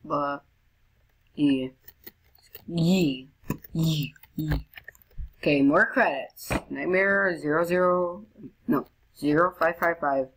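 Brief: woman, low pitch, let's play commentary, chatty with sudden high squeals. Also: slow, long pauses, a little hiss or hum. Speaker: gamer.

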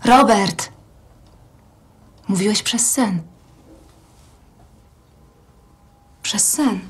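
A woman's voice: medium pitch, slow, lightly acted. An actress in her thirties playing an earnest, suspicious wife in a naturalistic film drama. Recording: faint background noise.

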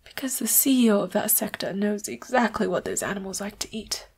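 Voicing a leopard-hybrid boss who is seductive, tender toward the listener, and secretly murderous, a woman speaks a little fast in a darkish, mid-range voice. The intimate roleplay keeps her breathy and frequently whispering, coy and teasing, with a sly, menacing mood.

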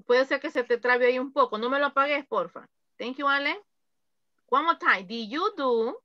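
A woman English teacher with a high voice gives online class instructions, explaining slowly and patiently and repeating examples. The recording is dry, close and lo-fi, with no echo.

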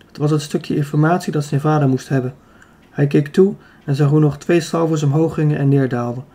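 A man's voice: a little high, breathy edge. A man reading a youth adventure novel aloud as an audiobook narrator, telling it steadily and evenly. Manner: steady, even storytelling. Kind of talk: scripted narration.

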